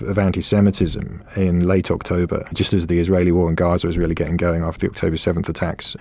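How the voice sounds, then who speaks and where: A man speaking as a guest commentator on a podcast, measured and analytical with some restarts. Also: sits low, darkish tone, no room sound. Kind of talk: podcast discussion.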